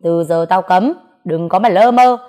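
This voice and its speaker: A woman voicing an angry middle-aged father who scolds his grown daughter loudly, in a storybook reading. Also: lowish voice, measured pace, lightly acted. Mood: furious. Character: furious middle-aged father, harsh and shouting.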